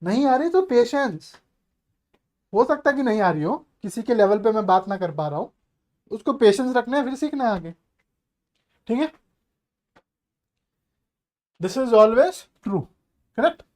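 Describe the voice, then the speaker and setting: A man's voice: very high-pitched, animated, moderate pace, pauses often, a little mellow. A male maths teacher giving an online exam-prep lecture, chatty and coaxing, asking the class rhetorical questions and mixing English terms into his explanations.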